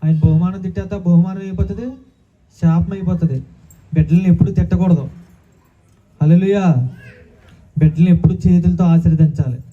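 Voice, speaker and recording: A man's voice: sits high, steady tone, a little fast, long pauses. A man preaching a sermon as pastor, calling out hallelujah often and asking the congregation questions. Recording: tinny phone-like sound.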